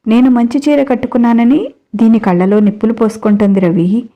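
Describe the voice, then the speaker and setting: A woman's voice: fairly high pitch, steady tone, fairly quick, warm tone, natural voice. A woman voicing a spiteful young mistress who scolds a child. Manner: nasty, scolding.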